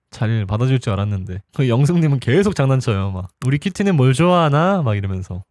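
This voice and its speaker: Lively chatty young man recapping a show. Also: on the high side, no room sound, studio quality. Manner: chatty, laughs often, acts out quoted lines. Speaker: TV show reviewer. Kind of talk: casual episode recap commentary.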